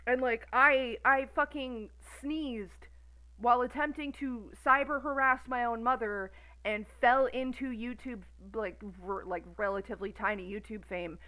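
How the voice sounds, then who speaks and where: Thirty-something woman ranting on stream, swears a lot, sarcastic, kinda high voice. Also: a little slow, pushed and bright, rough recording. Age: 30s. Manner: profane, sarcastic, exasperated. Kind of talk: casual ranting commentary.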